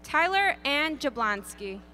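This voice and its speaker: High, lilting woman reading names. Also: big pitch swings, sharp tone, a little hiss or hum. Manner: deliberate, lilting name announcing. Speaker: graduation name reader. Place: outdoor stadium ceremony over PA.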